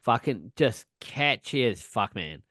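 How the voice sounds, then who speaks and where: A man's voice: medium pitch, very animated, slow, fairly bright tone, dry recording, clean studio sound. A man co-hosting a punk podcast in casual chat, rambling, swearing a lot and laughing often. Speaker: podcast co-host.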